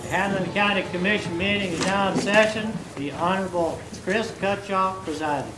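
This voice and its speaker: A man's voice: sits high, brisk. A man making a formal, proclaiming ceremonial announcement to open an official meeting. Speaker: officer calling the meeting to order. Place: indoor public meeting room. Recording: echoey, noisy room, off mic.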